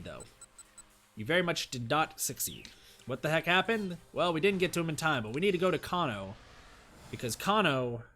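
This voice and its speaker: A man's voice: medium pitch, pushed and bright. A young man streaming, reading a visual novel aloud with casual commentary. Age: young adult. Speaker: game streamer.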